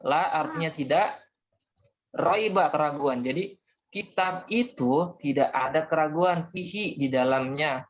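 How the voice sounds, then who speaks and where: A man's voice: fairly high pitch, unhurried. A young man teaching a class, patiently explaining step by step and calling on students. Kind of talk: online class lesson. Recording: dull lo-fi audio.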